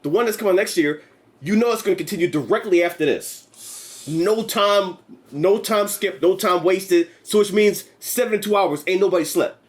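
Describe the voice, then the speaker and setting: A man co-hosting a casual movie review chat, talking in an animated, profane way and acting out quotes in put-on voices. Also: high-pitched, normal speed. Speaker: co-host of a movie review show.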